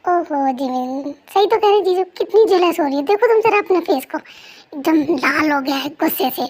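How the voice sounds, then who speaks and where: A woman's voice: very high voice, expressive, normal speed, a little mellow. A woman playing a teasing, playful young female friend in a fan story role-play.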